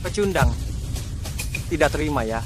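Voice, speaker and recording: Man acting sneering young bully, fairly high male voice, aggressive, contemptuous, dubbed drama, music underneath. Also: lively intonation, normal speed, natural voice. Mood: taunting. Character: arrogant young bullying brother-in-law, spoiled and sneering.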